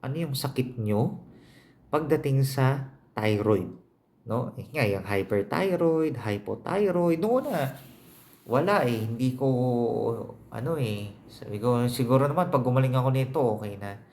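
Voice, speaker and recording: A man's voice: mid-range voice, lively intonation, unhurried, long pauses, a little mellow. Reflective man with constant "no?" tags. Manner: reflective, frequent "no?" tag questions and fillers. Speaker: teacher sharing thyroid experience. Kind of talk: casual personal vlog talk.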